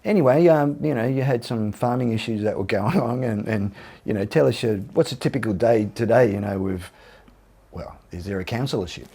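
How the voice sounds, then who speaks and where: Gravelly man joking around. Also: on the low side, fairly quick, dark tone. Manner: jokey, swears, laughs often, rambling questions. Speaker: interview host. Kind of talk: casual joking interview.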